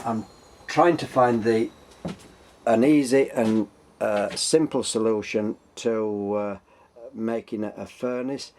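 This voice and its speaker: A man's voice: fairly low pitch, darkish tone, slight background noise. A man with a Yorkshire accent hosting a casual, unscripted workshop tutorial, explaining things in a hesitant way. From Yorkshire, England. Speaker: host of a workshop engineering channel.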